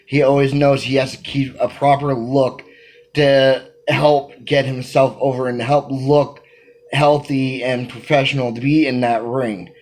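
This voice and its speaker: Unhurried but still energetic and emphatic, a wrestling manager in his thirties uses a mid-range voice to answer interview questions he reads aloud. He gestures a lot toward a phone camera held at arm's length in a small room at home, and the audio is poor.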